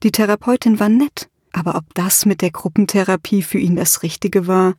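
A woman narrating a story in an even, measured way. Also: medium pitch, husky, no room sound, clean studio sound. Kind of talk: audiobook narration.

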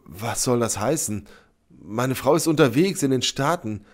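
A man's voice: medium pitch, expressive, measured pace, voice pushed up, lightly acted. A man voicing a bewildered, anxious man in a read-aloud story, his voice pushed up and tense. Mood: panicked. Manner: tense and pleading.

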